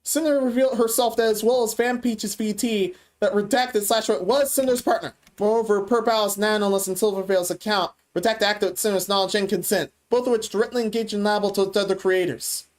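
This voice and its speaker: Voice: medium pitch, steady tone, normal speed, hardly any pauses. A commentary host talking casually, blunt and profane, and sounding tired.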